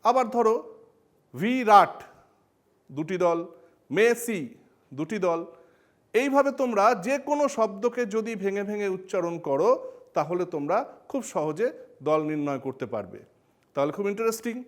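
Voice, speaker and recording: A man with a Bengali accent explains grammar in a bright, high voice. He teaches in a playful way, tossing questions straight at his students as he goes. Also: lively intonation, fairly quick. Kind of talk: educational explainer lesson.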